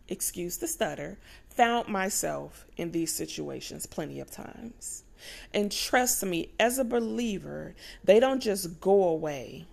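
Woman preaching, slow and gravelly, kinda low voice, keeps asking the crowd "right?". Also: a little mellow. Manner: conversational preaching with call-outs to the listeners. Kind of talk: sermon.

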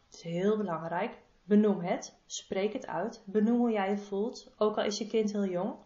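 A woman's voice: mid-range voice, fairly even intonation, moderate pace, dark tone. A woman therapist giving casual, informal advice, often repeating her main points and addressing the listener affectionately. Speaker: body-energy therapist. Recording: roomy, slightly dull sound.

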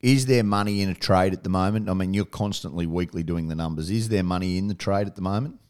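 Clear, low-voiced Australian male radio host. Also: fast talker, darkish tone. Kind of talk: casual rural radio interview.

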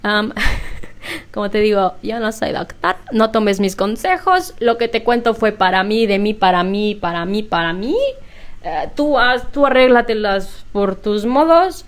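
A young woman chatting casually at home, laughing often and clearing her slightly hoarse throat. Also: mid-range voice, expressive, measured pace. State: slightly hoarse after illness. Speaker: vlogger. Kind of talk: casual chat to camera. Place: home room. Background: washing machine.

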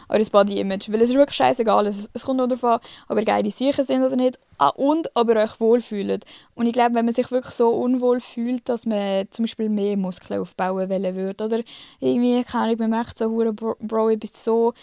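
A woman's voice: mid-range voice, vocal fry, a little mellow, no room sound. Young woman with a Swiss German accent, podcast host giving advice, blunt and slangy, very dry close sound. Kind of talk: casual advice chat.

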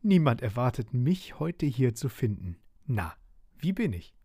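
A man voicing a cheeky little dandelion flower in a bedtime storybook, with a high, chirpy, giggly voice. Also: very animated, unhurried, warm tone, breathy edge, no echo, studio quality, exaggerated voice.

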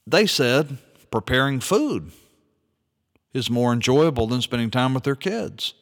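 A man's voice: medium pitch, animated, big-room sound. A man giving an earnest, reflective monologue, reading from an article and posing rhetorical questions. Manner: earnest, rhetorical questions, slow deliberate delivery. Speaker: speaker commenting on an article.

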